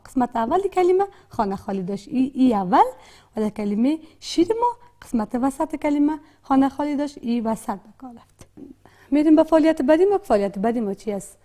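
A woman with an Afghan Dari accent leads a patient literacy lesson, slowly sounding out and repeating words. Her voice sits high in pitch but has a dark, mellow tone. She pauses often with soft hesitation sounds. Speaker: literacy teacher. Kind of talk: classroom lesson.

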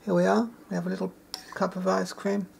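A woman's voice: medium pitch, little pitch movement, brisk, vocal fry, a little mellow, a little hiss or hum. A woman talking in a casual cooking vlog in a shearing shed kitchen, chatty and enthusiastic, savoring each taste aloud. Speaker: home gardener and cook.

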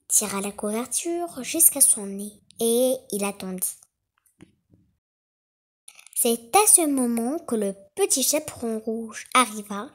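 A woman reads a children's fairy tale aloud with lively, dramatic expression. Her voice sits somewhat high. She takes her time, with a slow, deliberate delivery. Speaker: storyteller. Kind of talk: children's story narration.

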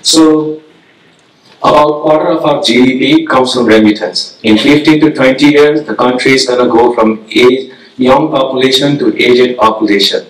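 A man's voice: mid-range voice, steady tone, moderate pace, distant mic. A young man from Nepal, a graduate student, asking a question from the audience in a direct, conversational way. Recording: echoey hall, voice from off-mic.

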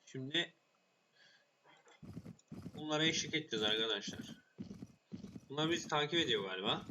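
A man giving casual gameplay commentary, playful and swearing a lot, shouting at the game when it goes wrong. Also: on the high side, lively intonation, moderate pace, background noise. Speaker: gaming YouTuber.

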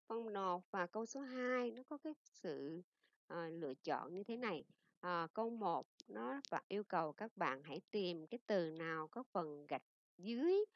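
A middle-aged woman teacher with a Vietnamese accent talks through a grammar lesson, slowing down to read each English example. Her voice sits at a medium pitch. It comes through a dull, lo-fi recording with a dry, close sound. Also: a bit bright, dry recording. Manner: explains in Vietnamese and reads English examples slowly.

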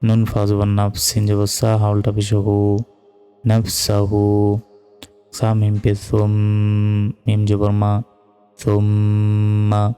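A man teaching Quran reading, spelling out Arabic words letter by letter in a slow, measured way and chanting the verses. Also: lowish voice, monotone, dark tone, clear, resonant tone, in a large hall, faint music behind.

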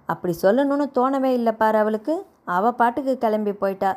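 A woman's voice: fairly high pitch, brisk, a little mellow, natural voice. Sulky young husband for an audio novel, grumbling and bantering, read by a woman.

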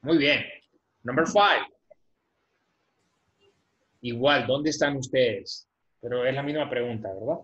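A man teaching an English class in Spanish, patiently repeating words slowly for pronunciation over a video call. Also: mid-range voice, a bit bright. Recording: dull lo-fi video-call audio.

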